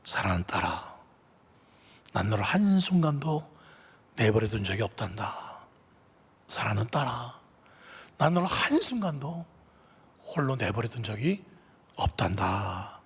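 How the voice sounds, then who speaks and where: A man voicing God, gentle and fatherly. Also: mid-range voice, big pitch swings, breathy edge, in a large hall, exaggerated voice. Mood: tender. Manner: tender, slow reassurance.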